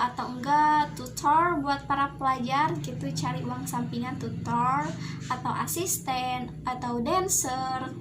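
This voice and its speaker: A young woman casually reviewing an English lesson she studied, talking hesitantly with many fillers and pauses. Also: high-pitched, background noise. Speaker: student presenting a review.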